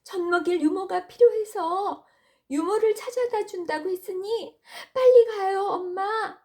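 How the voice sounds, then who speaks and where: A woman's voice: very high voice, unhurried, darkish tone. A woman voicing an eager, anxious young girl who calls out urgently in a children's story. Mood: excited, urgent. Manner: urgent, calling out, pleading. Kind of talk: acted children's Bible storytelling.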